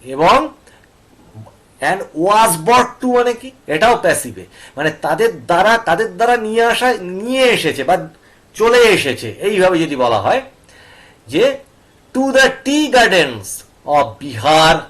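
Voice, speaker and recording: A male teacher walks through an English passage at an unhurried pace. His fairly high voice rises and falls a great deal. He reads the English slowly, spells words out in syllables and checks that his students are following. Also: big pitch swings, fairly bright tone. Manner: reads English slowly word by word, then explains; breaks words into syllables aloud. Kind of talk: explaining an English passage in Bengali.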